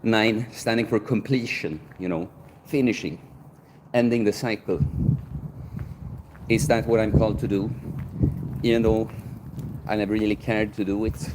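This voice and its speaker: A Swedish man in his 30s, a native Swedish speaker, hosts a livestream, chatting casually, musing aloud and answering viewer questions from the chat. His voice is fairly low and steady, at a moderate pace with frequent pauses, over heavy background noise.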